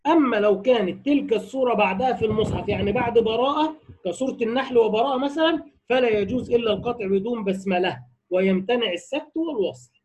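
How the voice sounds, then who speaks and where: A man teaching the rules of Quran recitation, patiently explaining and often breaking into slow, melodic chanted examples. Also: very high voice, darkish tone, highs cut off.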